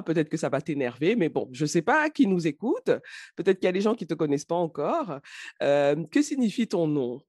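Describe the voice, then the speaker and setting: A man hosting an interview, asking questions in a relaxed, conversational way. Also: on the high side, no echo, clean studio sound. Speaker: host.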